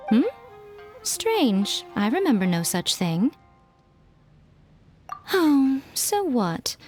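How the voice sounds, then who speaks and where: Sly fox spirit priestess, teasing and lazy, voice swings up and down, faint game music. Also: female voice, on the high side, big pitch swings, extremely slow, a little mellow, full character voice. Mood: mischievous. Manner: teasing, languid, mischievous laughter. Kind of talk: video game voice acting.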